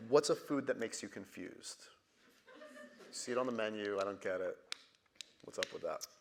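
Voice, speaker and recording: A man's voice: on the low side, moderate pace, vocal fry, a little hiss or hum. A male podcast host interviewing a guest live on stage, teasing and laughing often. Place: theater stage before a live audience.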